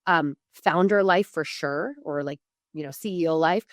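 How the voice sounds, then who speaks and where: An American woman from Oregon, appearing as a podcast guest, gives business advice in a relaxed interview style, full of emphatic asides and moments where she cuts herself off. Her voice sits low and moves at a normal speed. The recording is studio quality with no echo.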